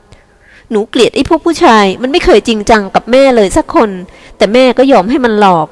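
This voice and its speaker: A woman voicing a resentful teenage girl who speaks slowly and bitterly about her mother, in an audiobook with long reverb. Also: fairly high pitch, a little mellow, voice pushed up, lightly acted. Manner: resentful, cutting, slow and emphatic.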